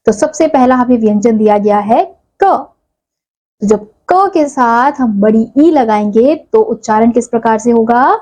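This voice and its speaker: A woman leading a lesson for small children, sounding out each word piece by piece. Her voice sits a little high and has a dark, mellow tone. She speaks in an unhurried, deliberate way. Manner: slow, syllable-by-syllable spelling out of words. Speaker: teacher. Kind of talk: primary school lesson.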